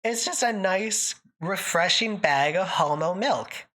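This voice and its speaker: A woman from northern Canada takes it slowly as she hosts a livestream, casually answering viewers and often joking and laughing. Her medium-pitched voice is animated and a bit bright, and her thick accent sounds put-on.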